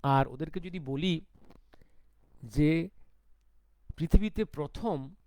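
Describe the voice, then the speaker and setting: A man giving a commentary monologue, talking slowly because of a sore throat, firing off pointed rhetorical questions. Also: a little high, darkish tone, smooth, no room sound. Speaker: political commentator.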